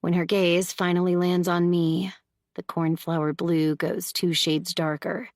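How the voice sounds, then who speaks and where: Woman audiobook narrator, low voice, slow measured first-person read, dry close sound. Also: level tone, darkish tone, no echo.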